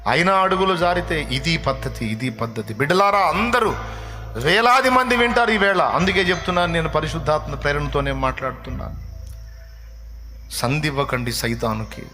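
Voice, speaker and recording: A man's voice: a little high, moderate pace, sharp tone, soft background music. A man preaching a sermon as a pastor, impassioned and pleading, building through repeated phrases.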